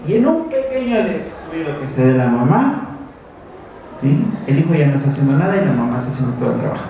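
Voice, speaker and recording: Mexican teacher lecturing parents in an echoey hall. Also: male voice, a little high, sing-song, quick pace, mellow, slight background noise. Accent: Mexican Spanish. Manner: keeps checking in with "¿sí?" and acts out parents and children. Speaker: teacher giving a talk to parents. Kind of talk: talk to a parents' school group. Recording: very echoey, distant, dull lo-fi room recording.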